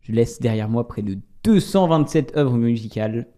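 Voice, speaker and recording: A man's voice: mid-range voice, animated, moderate pace, mellow. A man hosting a casual podcast quiz among friends, reading clues aloud with playful asides. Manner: reads clues in a teasing, playful way with frequent laughs and asides. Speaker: podcast host running a music quiz.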